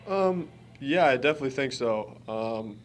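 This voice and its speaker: Fielding questions at a press conference, a young Wisconsin man in his early twenties who plays college basketball responds in an earnest, informal manner. He speaks at a normal speed in an animated, mid-range voice, and there is slight background noise.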